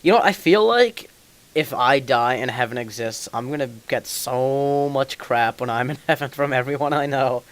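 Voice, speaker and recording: A man's voice: medium pitch, moderate pace. A young man hosting a casual podcast, rambling, laughing often and drifting off topic. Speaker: podcast host. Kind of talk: casual chat.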